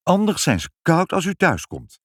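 A man's voice: fairly high pitch, wildly swooping pitch, normal speed, no room sound, clean studio sound, pitched above the performer's own voice. A man voicing a kind, sweetly sly mother in a storybook reading. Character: sweet clever mother, gentle woman.

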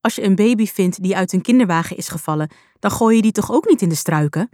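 A woman voicing a calm, caring mother in a children's storybook reading, speaking earnestly. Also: mid-range voice, quick pace, no room sound, clean studio sound, close to an everyday voice. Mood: indignant.

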